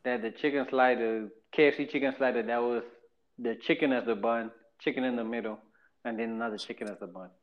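A man from Zimbabwe with a Zimbabwean accent, hosting a podcast in a casual storytelling chat. He talks in an animated way, repeats phrases and acts out the voices of people in his stories. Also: medium pitch, fast, dull audio. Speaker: podcast host.

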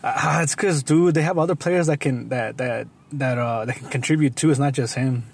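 A man's voice: mid-range voice, normal speed, creaky, slight background noise. A man co-hosting a casual sports chat, rambling with many restarts and saying "dude" constantly. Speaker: podcast co-host.

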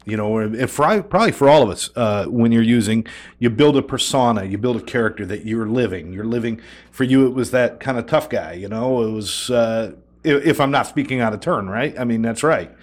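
A man's voice: mid-range voice, fairly quick. A man hosting an interview, affirming his guest and asking long, reflective questions. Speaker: host interviewer. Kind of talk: supportive interview conversation.

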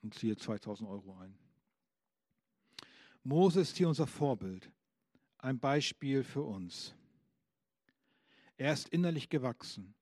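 A man's voice: mid-range voice, expressive, slow, long pauses, darkish tone, no room sound, studio quality. A man preaching a sermon, asking the congregation questions and reading out scripture with emphasis.

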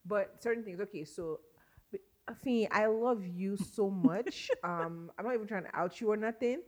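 A woman's voice: medium pitch, moderate pace, a little mellow. A woman, a podcast guest telling stories in casual chat and laughing often.

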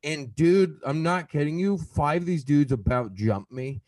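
A man's voice: fairly high pitch, a little slow, a little mellow, no room sound. A man from the American South chatting casually, telling stories animatedly, swearing freely and acting out quotes. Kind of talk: casual chat.

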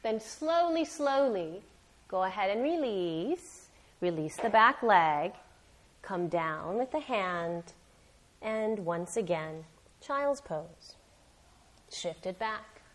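A woman teaching a live yoga class, guiding step by step in a careful, unhurried and encouraging way. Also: fairly low pitch, lively intonation. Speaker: yoga instructor.

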